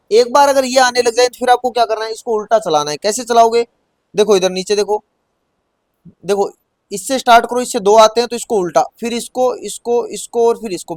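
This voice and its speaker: A man with a Rajasthani Hindi accent and a high voice leads a hands-on typing lesson. He patiently repeats keys and words slowly as he demonstrates, recorded close and dry. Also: no echo. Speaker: typing teacher.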